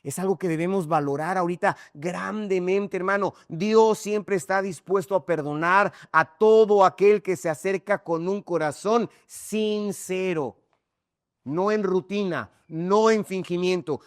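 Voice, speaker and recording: A man's voice: sits high, measured pace, dry recording, studio quality. A male pastor preaching an emphatic sermon, speaking straight to his congregation and often addressing them as brother. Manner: emphatic preaching, often calls listeners "hermano".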